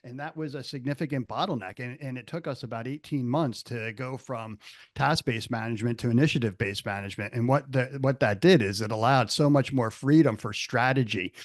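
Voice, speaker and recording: A man's voice: medium pitch, fairly quick, no echo. A man co-hosting a business podcast speaks with enthusiasm, often repeating words as he goes. His voice sits in a middle range, and the sound is dry and close. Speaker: podcast co-host. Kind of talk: casual chat.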